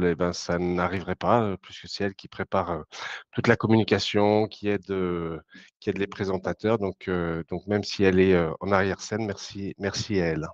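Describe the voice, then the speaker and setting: A man's voice: low-pitched, no echo. Chatty man hosting a webinar. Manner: chatty, halting with many fillers. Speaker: webinar host. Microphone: video call. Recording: dull lo-fi call audio.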